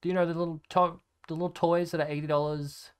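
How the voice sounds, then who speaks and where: A man's voice: on the high side, level tone, fast, clean tone. A young man telling a rambling, sarcastic story in a casual chat, swearing freely as he looks through his photos. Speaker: content creator.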